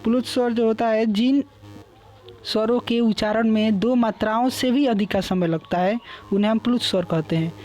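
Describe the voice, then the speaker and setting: A man's voice: sits high, steady tone, normal speed, a little mellow, faint music behind. A young man teaching a lecture, explaining patiently, repeating terms and drawing out vowel sounds as examples. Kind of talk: classroom lecture.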